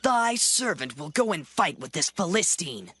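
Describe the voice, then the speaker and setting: A woman's voice: lowish voice, big pitch swings, normal speed, fairly bright tone, breathy edge, no echo, heavily acted. A woman playing a bold, earnest young shepherd boy in a dramatized scripture audiobook. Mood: bold indignation.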